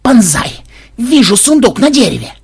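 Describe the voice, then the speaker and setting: A man voicing an excitable young male programmer who shouts his lines in an audiobook. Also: mid-range voice, normal speed, husky. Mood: excited.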